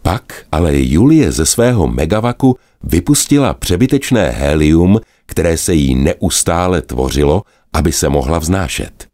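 A man narrating a fairy tale in a lively, expressive way. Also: very deep voice, no room sound, studio quality. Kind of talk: storybook narration.

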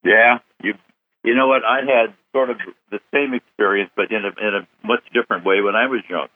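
A man's voice: fairly low pitch, fairly even intonation, brisk, no room sound. A male host running a phone interview, effusive in his praise for his guest. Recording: tinny phone line.

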